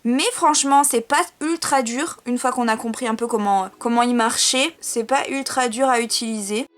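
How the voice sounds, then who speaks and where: A woman's voice: fairly high pitch, normal speed, fairly bright tone. Chatty young woman doing her makeup. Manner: chatty, self-mocking, talks while applying makeup. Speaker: beauty vlogger. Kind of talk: casual makeup tutorial chat.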